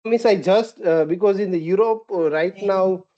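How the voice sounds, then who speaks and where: Give me a questioner with a mellow, darker voice over a muffled video call, searching for words with lots of "like" and "uh". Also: medium pitch, moderate pace. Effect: heard over a video call. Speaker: audience member asking questions. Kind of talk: questioning in a meeting.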